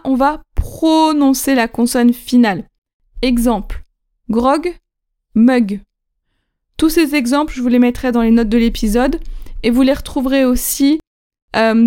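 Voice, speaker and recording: A woman hosting a language-learning podcast, teaching pronunciation slowly and clearly, repeating key points and checking in with the listener. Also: fairly high pitch, dark tone. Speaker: podcast host and French teacher. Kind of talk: slow, clear teaching talk.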